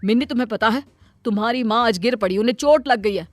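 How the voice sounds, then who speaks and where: A woman voicing a stern middle-aged father in a cartoon story. He talks in a brisk, blunt, scolding way. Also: on the high side, no room sound, soft background music, lightly acted. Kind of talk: Hindi cartoon voice acting.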